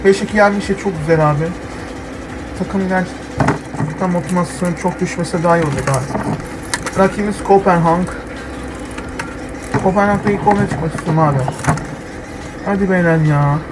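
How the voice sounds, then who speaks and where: A young man playing a football video game, commenting live and swinging from muttering to yelling at the players. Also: high-pitched, moderate pace, long pauses, very noisy. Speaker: gamer.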